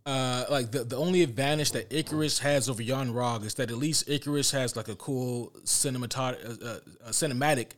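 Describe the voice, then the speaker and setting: A man's voice: mid-range voice, a little fast, few pauses. A man co-hosting a casual podcast chat, blunt and swearing, often restarting his sentences. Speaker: podcast co-host. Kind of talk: casual chat ranking movie villains.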